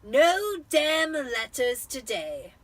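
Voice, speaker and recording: A woman voicing an irate, blustering middle-aged uncle in a storybook, with loud, drawn-out, emphatic delivery. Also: high-pitched, very animated, voice pushed up, full character voice. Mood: gleeful.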